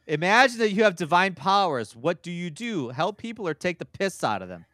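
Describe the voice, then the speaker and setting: A man co-hosting a casual podcast, with a lively, animated voice. He reads game blurbs aloud and breaks off to comment. The recording is close and dry. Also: high-pitched, normal speed, no echo. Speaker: podcast co-host.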